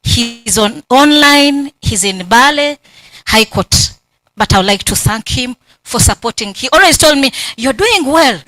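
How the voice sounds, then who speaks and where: A Ugandan woman with a Ugandan English accent, giving emotional, animated thanks at her doctoral defense and acting out remembered conversations. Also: fairly high pitch, unhurried, no echo, low-quality recording. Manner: emotional, grateful, animated storytelling with quoted dialogue. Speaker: PhD candidate. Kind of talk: acknowledgements at a thesis defense. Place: university hall.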